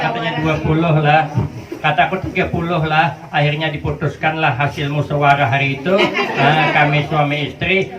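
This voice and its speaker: A preacher in his fifties with a Banjar Malay accent delivers a humorous sermon, telling stories with playful dialogue and chanting Arabic phrases in a sing-song way. His voice is a little high, and the recording from a hall with a live audience sounds echoey, distant, and muffled by the crowd.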